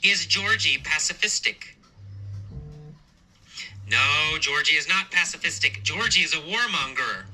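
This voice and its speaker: A male teacher telling a story as a lesson, asking simple questions and answering them himself, slowly and with emphasis. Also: a little high, lively intonation, sharp tone, poor audio. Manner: slow, repetitive, emphatic questioning. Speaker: English teacher.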